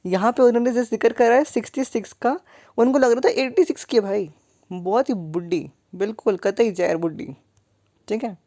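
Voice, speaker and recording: A woman's voice: on the high side, normal speed, mellow. A young woman teaching a poem in an online lesson, playful and joking, calling her students 'beta'.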